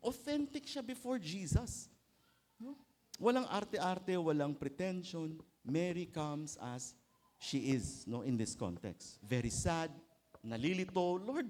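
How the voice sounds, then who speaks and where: A middle-aged man with a Filipino accent preaching a sermon in a lively, joking way, often tagging lines with quick questions to the congregation. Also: high-pitched. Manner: lively, joking, mixes in English with rhetorical tags. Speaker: pastor.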